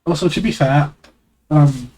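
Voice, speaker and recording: Speaking into an external desk mic, a congested man with a stuffy nose streams casually, reading a webcomic aloud and rambling in a self-deprecating way with casual swearing. His voice is on the high side, darkish and slightly rough, at a measured pace.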